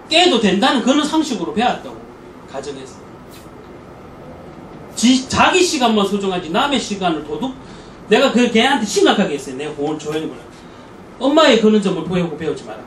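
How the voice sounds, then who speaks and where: A male lecturer teaches a church parenting class, telling stories and acting out the people in them. His voice is high and swings widely in pitch. He is heard from some distance in an echoey hall with faint noise behind. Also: moderate pace, long pauses. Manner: animated storytelling, acts out quoted people.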